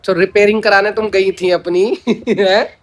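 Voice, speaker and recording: A man's voice: high voice, fairly even intonation, a little slow. A man vlogging in a casual, talkative way, stubbornly teasing his wife on a phone call as a prank. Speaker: vlogger, husband.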